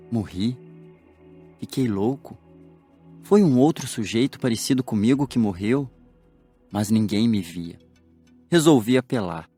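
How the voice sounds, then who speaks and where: Give me a good-humored dead man recounting his passing, with soft music behind. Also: medium pitch. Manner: lively storytelling with jokey asides. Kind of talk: audiobook drama acting.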